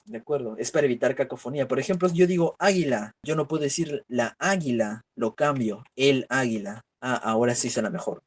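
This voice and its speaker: Rhetorical questions and worked examples fill this online grammar class, taught by a man whose voice is fairly high with a darkish tone. It's a virtual lecture picked up by a computer mic on a video call.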